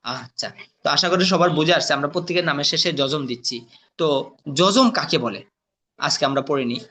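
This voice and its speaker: A man teaching Quran letter reading in a patient classroom lesson, spelling out sounds slowly and quizzing his students with questions. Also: fairly high pitch, bright, forceful tone.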